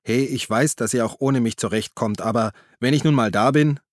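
A man's voice: mid-range voice, normal speed, no echo, studio quality, close to an everyday voice. A man voicing a sheepish, evasive police officer in an audiobook reading. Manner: embarrassed, evasive.

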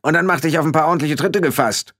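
A man's voice: medium pitch, expressive, normal speed, voice pushed up. Man doing a tiny brawling fairy man. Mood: defiant. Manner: loud, defiant, blustering. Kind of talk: audiobook character voice.

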